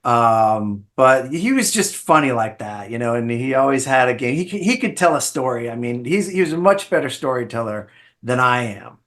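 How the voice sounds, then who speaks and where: A middle-aged man at a mid-range pitch, spinning loose, anecdotal stories about his childhood. He restarts sentences often and drifts between details as he chats with a host. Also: animated, moderate pace, a bit bright. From Bahamas-born, raised in South Florida. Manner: rambling anecdotal storyteller with frequent restarts. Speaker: podcast guest, ER physician. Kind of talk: casual storytelling interview.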